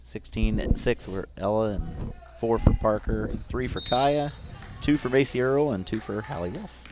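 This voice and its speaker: A low-voiced man calls a high school basketball game beside a play-by-play partner. He talks in a relaxed way and reels off points and rebounds. A ball bounces in the background of the school gym. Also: unhurried, noisy background. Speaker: color commentator. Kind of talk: basketball commentary.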